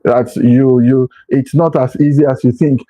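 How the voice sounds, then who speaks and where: A man's voice: mid-range voice, steady tone, normal speed, warm tone. A middle-aged man giving an earnest, preachy motivational talk, often repeating and restarting his phrases. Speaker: motivational speaker. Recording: dull lo-fi recording.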